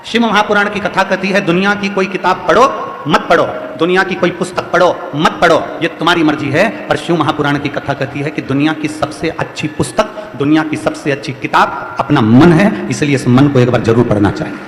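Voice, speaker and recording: A male preacher with a central Indian Hindi accent delivers a devotional sermon to a crowd, exhorting them in a repetitive cadence. His voice is a little high, fairly quick, and fairly bright. The live hall is echoey, with faint music and slight hiss or hum.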